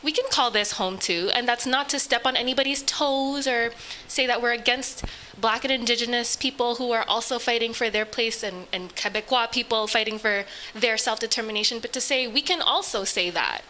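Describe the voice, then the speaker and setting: A woman offers impromptu remarks at a community gathering, earnest and conversational, often posing rhetorical questions. Her voice is bright, and faint noise hums behind her. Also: fairly high pitch, a little fast. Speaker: community organizer speaking from the audience.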